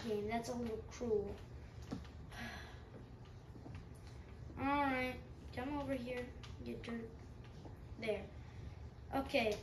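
A woman's voice: fairly high pitch, a bit bright. A woman with a stuffy nose giving rambling, self-mocking commentary while playing a game. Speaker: gaming channel host. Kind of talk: let's-play commentary. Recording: roomy, distant mic, faint background hum.

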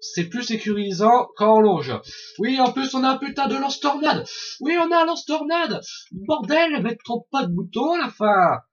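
An excitable man narrates his online match, his high voice swinging wildly in pitch as he swears and shouts at opponents. The sound is a dull, lo-fi home recording. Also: normal speed. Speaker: gaming video host. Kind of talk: Let's Play commentary.

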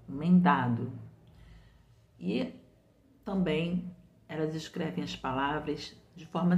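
Low-voiced woman teaching in an echoey room. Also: darkish tone. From Brazil. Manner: patient, explains step by step with repetition. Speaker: literacy teacher. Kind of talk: didactic explanation. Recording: roomy, muffled home recording.

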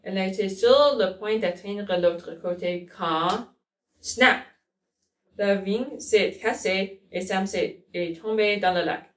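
A woman reading a children's storybook aloud, slowly and carefully, sometimes correcting herself. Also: mid-range voice. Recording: roomy, from a distance.

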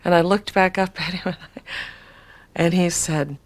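A woman's voice: on the low side, fairly even intonation, measured pace. A woman in an archival interview, telling her story in an earnest, breathless way. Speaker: spiritual channeler.

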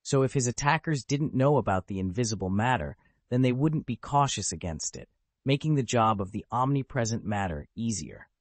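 A man narrating an audiobook with a steady, literal reading of the text. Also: medium pitch, fairly quick, no room sound. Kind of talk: scripted narration.

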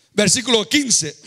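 A man preaches with an unusually high, gravelly voice. His tone is bright and forceful, and he lets words stretch out slowly. At the peaks he chants and shouts with fervor. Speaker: pastor. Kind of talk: sermon.

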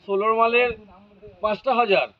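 A man's voice: high-pitched, fairly even intonation, brisk. A man announcing rules and figures at a public meeting in a formal way. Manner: formal, states rules and numbers. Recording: muffled, lo-fi.

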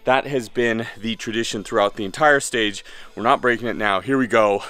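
Speaking at normal speed, a man in his thirties has a voice on the low side that sounds pushed and bright, with no room sound. His voice-over as a fitness coach is laid-back and enthusiastic, explaining exercises at an outdoor home gym by a garage.

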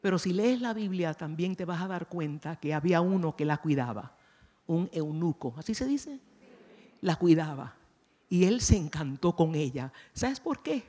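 A woman's voice: lowish voice, sing-song, moderate pace, warm tone. A woman giving a chatty, playful sermon at a conference, often asking her audience questions. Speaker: conference speaker. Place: church conference hall. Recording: long reverb of a large hall.

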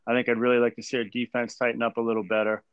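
A man in his forties, a head baseball coach, answering press questions after a game in a measured way with many fillers and restarts, over a video call from a small room. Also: medium pitch, monotone, clear, resonant tone, no echo. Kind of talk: postgame press conference. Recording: dull dry video call audio.

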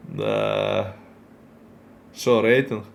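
With a gravelly, fairly low voice and a level tone, a man chats casually with his stream while opening packs in a football card game. His commentary is talkative, aimed right at chat, and full of quick reactions.

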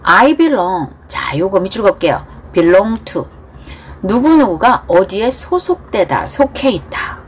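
A woman teaching English through a pop song, repeating lyrics slowly line by line and then explaining them in quick bursts. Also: mid-range voice, very animated, slight background noise.

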